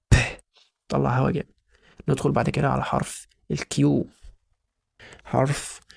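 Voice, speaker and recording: A man's voice: on the high side, vocal fry, darkish tone, dry recording, clean studio sound. A man with an Egyptian Arabic accent teaching English letter sounds to beginners, repeating each sound over and over and urging the viewer to say it with him. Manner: drills sounds by repetition, coaxing the viewer. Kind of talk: beginner phonics lesson.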